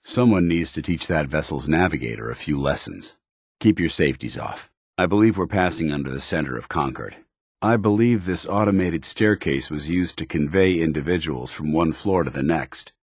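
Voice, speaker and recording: An actor playing a stern, dutiful military paladin in a post-apocalyptic video game, speaking formally with clipped authority. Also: male voice, rumbling low, animated, normal speed, husky, dry recording, clean studio sound, exaggerated voice. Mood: stern, observant. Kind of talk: video game companion dialogue.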